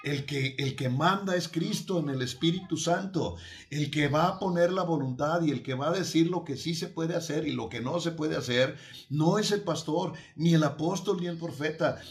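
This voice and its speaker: A man preaching a sermon, teaching with emphasis and light humor, repeating key phrases and slowing down to stress them. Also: on the high side.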